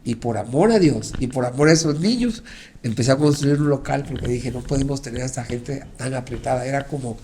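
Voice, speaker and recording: A man's voice: medium pitch, a little fast, slight background noise. A middle-aged pastor, a man, telling his personal testimony in an interview and acting out the dialogue as he goes. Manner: animated storytelling, acting out dialogue.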